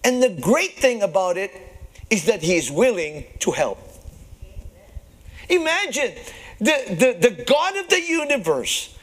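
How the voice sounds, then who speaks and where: Man with a very high voice, pastor preaching, chuckles between phrases, calls to the congregation, halting restarts. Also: big pitch swings, fairly bright tone. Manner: halting restarts and repeated words. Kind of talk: sermon. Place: church service before a live congregation.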